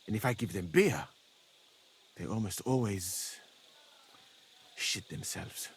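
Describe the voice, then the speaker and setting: A man voicing a calm, learned foreign physician in a game, speaking in a formal, measured and dryly ironic way. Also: lowish voice, gravelly, husky, full character voice.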